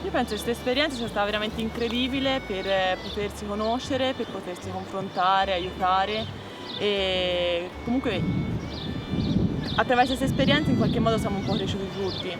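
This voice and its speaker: A woman's voice: mid-range voice, fast, very noisy. A woman from Italy, an artist answering interview questions fluently. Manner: unsure in English, fluent in native speech. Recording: loud music behind the voice.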